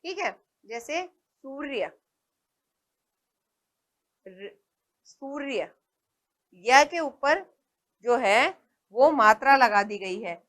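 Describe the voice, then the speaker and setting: A woman teacher giving a patient lesson to young children, saying each word slowly and often stopping to check with them. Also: a little high, expressive, a bit bright. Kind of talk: slow primary-school lesson.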